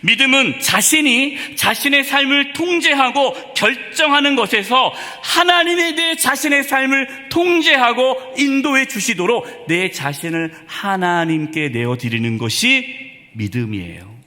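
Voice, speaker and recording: A man's voice: extremely high pitch, expressive, a little slow, pushed and bright. A male pastor delivering a Sunday sermon in a church, asking the congregation one rhetorical question after another. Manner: preaching with many rhetorical questions. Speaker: senior pastor. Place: church sanctuary. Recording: reverberant church hall.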